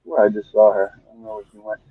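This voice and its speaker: A man's voice: lowish voice, fast, slightly rough. A man calling in on his phone from outdoors, chatting casually as co-host while his audio crackles and drops out. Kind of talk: casual chat. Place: outdoors outside a casino. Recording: tinny, choppy phone line, dry.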